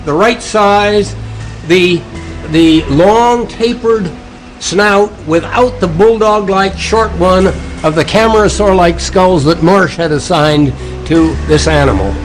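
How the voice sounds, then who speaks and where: High-pitched male paleontologist in interview. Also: slow pace, faint music behind, poor audio. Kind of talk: recollection in documentary interview.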